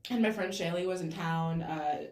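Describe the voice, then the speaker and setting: A woman's voice: lowish voice, moderate pace, darkish tone. A young woman co-hosting a podcast, chatting casually with lots of fillers and giggles. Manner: giggly, rambling with many fillers. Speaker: podcast co-host. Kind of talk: casual chat. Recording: echoey room.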